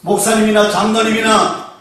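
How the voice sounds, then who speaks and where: Delivering a sermon in an echoey church sanctuary, a high-voiced pastor asks the congregation questions in call-and-response style and slows to press key phrases home. His delivery is flat and his tone fairly bright. The far-off mic picks up a little hiss or hum.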